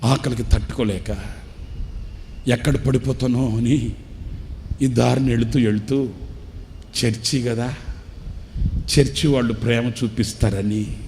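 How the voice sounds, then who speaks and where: A man's voice: medium pitch, steady tone, a little slow, pauses often, darkish tone, a little hiss or hum, lightly acted. A man voicing a hungry, retired old man who weeps and pleads for food. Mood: tearful. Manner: tearful pleading.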